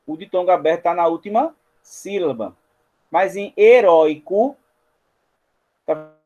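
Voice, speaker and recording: Male teacher, higher-pitched but mellow tone, patient board explanations, slightly dull lo-fi recording. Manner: explains step by step, often pointing things out to viewers. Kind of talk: spelling lesson at a whiteboard.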